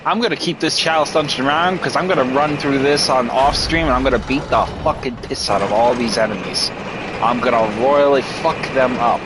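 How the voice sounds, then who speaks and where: A man's voice: mid-range voice, fairly quick, background noise. A man streaming a video game, giving live commentary while frustrated, swearing often and stumbling over restarts. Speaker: gameplay streamer.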